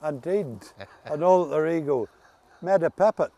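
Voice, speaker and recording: A man's voice: fairly high pitch, expressive, measured pace, vocal fry, mellow, dry recording. A man with an Ulster Scots accent, chatting casually and reminiscing in folksy dialect as an interview guest. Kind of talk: casual reminiscing chat about local dialect words.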